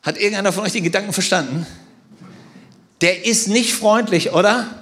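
A man preaching a sermon as a pastor, telling stories with animated, loud bursts. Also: high voice, moderate pace.

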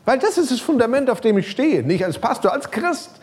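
A middle-aged male pastor preaching a sermon, talking casually and directly to his listeners, his voice rising and falling. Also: a little fast. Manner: lively preaching, pitch rising and sinking, some quiet passages; casual, direct address with English loanwords.

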